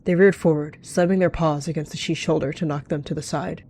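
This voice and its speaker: A woman with a low-pitched, dark voice narrates an improvised roleplay story in the third person, speaking briskly with fairly even intonation. As one of the players, she voices cat characters, with slight background noise present.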